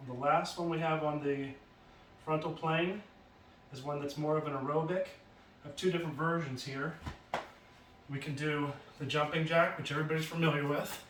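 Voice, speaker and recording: Brief: male fitness instructor, slightly high, even delivery, casual demo patter, roomy echo from a distant camera. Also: moderate pace, a little hiss or hum. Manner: explains while demonstrating moves, casual and plain. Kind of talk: exercise demonstration lesson. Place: home basement. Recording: roomy echo from far off, faint ambience.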